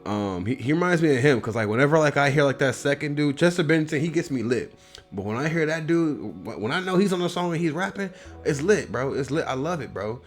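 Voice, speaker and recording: A man's voice: fairly high pitch, expressive, fast talker, soft background music. A man from the US Midwest with a Midwestern accent, hosting his own show and giving a loose, rambling, profane album review. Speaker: host.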